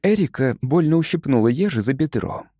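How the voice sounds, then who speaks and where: Male narrator, scripted storytelling: mellow and animated, dry close sound. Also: medium pitch, dry recording. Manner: expressive, measured storytelling. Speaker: audiobook narrator.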